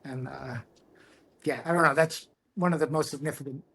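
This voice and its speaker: A middle-aged man, a guest on a podcast, telling a personal story in an earnest, reflective way with halting restarts. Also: a little high, fairly even intonation, creaky, bright, forceful tone, slightly rough. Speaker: guest, tattoo artist.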